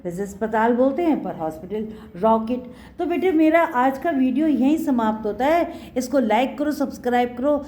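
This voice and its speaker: A woman's voice: fairly high pitch, dark tone. A middle-aged woman teaching a Hindi spelling lesson to children, patient and repetitive, often calling her pupils "beta".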